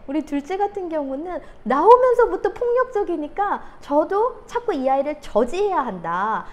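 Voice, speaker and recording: A woman in her thirties sharing a parenting story in an animated, storytelling way. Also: high voice. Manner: animated, acts out her children's voices with laughter. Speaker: parenting educator. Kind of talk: storytelling talk.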